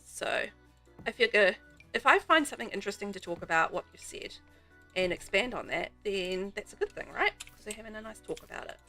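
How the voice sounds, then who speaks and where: A woman's voice: mid-range voice, sharp tone. A woman from New Zealand with a New Zealand accent, streaming a game and chatting casually with viewers in a rambling way. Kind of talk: casual chat while playing.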